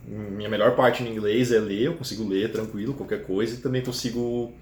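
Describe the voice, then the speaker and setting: A man's voice: on the low side, steady tone, brisk. A man, a programmer guest chatting casually on a live stream and explaining at length with easy laughs. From Brazil, São Paulo. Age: 30s. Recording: roomy, faint noise.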